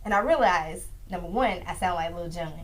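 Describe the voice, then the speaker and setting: A woman hosting a casual talk show, telling stories in an animated way and acting out quotes, tired after a long day. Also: fairly low pitch, fairly quick, very noisy. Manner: animated storytelling, acts out quotes. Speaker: host. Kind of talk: casual chat.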